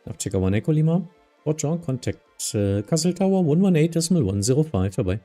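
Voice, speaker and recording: A man's voice: on the high side, big pitch swings, fast, mellow, faint music behind. A man with a German accent streaming as an air traffic controller, mixing radio phraseology with casual remarks.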